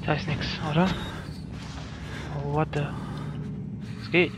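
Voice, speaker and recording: A man's voice: on the high side, flat delivery, takes it slowly, very noisy. A man giving jokey, self-mocking running commentary while playing a game, yelping when startled. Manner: yelps and shouts when startled. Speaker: let's play gamer. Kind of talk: let's play commentary.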